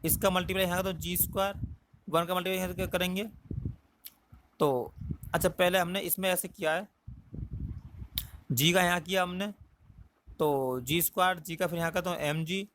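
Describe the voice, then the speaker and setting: A man's voice: high voice, fairly bright tone. A man teaches a maths lesson. He explains each step patiently and keeps asking the class rhetorical questions as he goes. A faint hiss stays under the recording.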